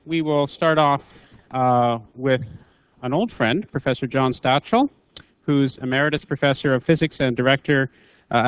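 A man's voice: medium pitch, no echo. Male host for public lecture introductions; earnest, upbeat address, mid-range voice, dry sound. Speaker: event host introducing speakers. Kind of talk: formal welcome and speaker introduction. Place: speaking at a public lecture event.

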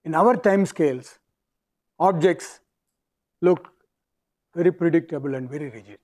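South Indian-accented man lecturing, higher-pitched voice. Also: unhurried, mellow. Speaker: university physics lecturer. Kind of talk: academic lecture.

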